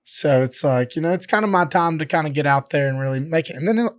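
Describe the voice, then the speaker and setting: A man's voice: on the high side, lively intonation, fast talker, dry recording, studio quality. A man, a professional fighter, telling stories as a podcast guest in a rambling, profane way, full of filler words. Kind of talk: casual podcast interview. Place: podcast studio.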